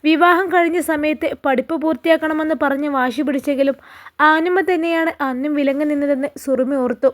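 A woman narrates a family drama story in a steady, dramatic way. Her voice sits high for a woman. The reading is scripted. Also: brisk, dry recording.

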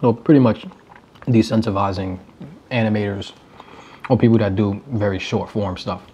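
Young male vlogger, lowish voice, wry casual commentary while eating cereal. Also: steady tone, moderate pace, dark tone, highs cut off, a little hiss or hum. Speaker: YouTuber.

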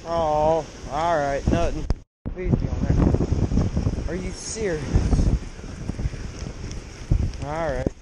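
Brief: male angler, casual self-talk, slightly high voice, outdoor action-cam audio with heavy wind noise. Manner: muttering to himself, quick reactions. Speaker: angler filming his fishing trip. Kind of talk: casual running commentary. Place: windy ocean beach outdoors. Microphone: action camera at chest height. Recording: loud wind noise on the mic. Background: surf and wind.

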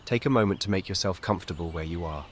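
Scripted meditation guidance comes from a man with a low voice, who speaks in calm, measured, soothing, brief and gentle instructions. A little hiss or hum can be heard.

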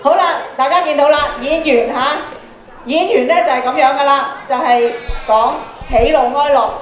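With a high voice at a moderate pace, a middle-aged woman with a Hong Kong Cantonese accent leads students through an interactive radio drama workshop, teaching by prompting with questions and tag particles. She uses a handheld mic through the PA on and before the stage of a large indoor auditorium, so the sound is roomy, with some chatter behind.

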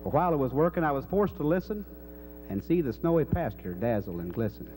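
Mellow cowboy drawl, middle-aged man. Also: mid-range voice, expressive, fairly quick, poor audio. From Kansas. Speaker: cowboy poet. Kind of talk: live cowboy poetry recitation with spoken introduction. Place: dark indoor stage. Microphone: stage microphone on a stand. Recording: faint noise and hum.

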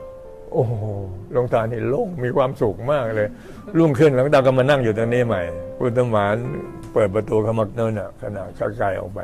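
An older man, a Buddhist monk, tells a story in a sermon in an animated, conversational way and often chuckles. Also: mid-range voice, brisk, gravelly, soft background music.

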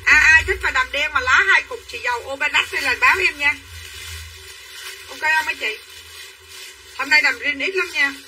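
Woman, livestream seller, chatty sales patter, high-pitched, distant mic with faint background noise. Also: moderate pace, long pauses, bright, forceful tone. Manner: chatty, addresses viewers as sisters.

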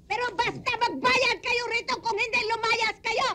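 A shrill, squealing comic landlady. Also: normal speed. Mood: scolding. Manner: loud, squealing, theatrical. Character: shrill, flirty, hot-tempered woman. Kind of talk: slapstick film comedy.

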